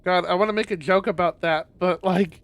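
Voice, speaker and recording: A man streaming a visual novel, reading the story aloud in a lowered voice with loud reactions. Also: quick pace, dry recording. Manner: reads narration in a lowered voice, reacts with loud exclaims. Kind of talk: reading a story game aloud with chatty asides.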